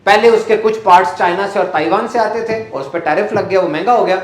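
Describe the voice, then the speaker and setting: A man giving a live motivational talk on stage, animated and quizzing the audience playfully. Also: high-pitched. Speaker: motivational speaker. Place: stage at a live event hall. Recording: echoey hall.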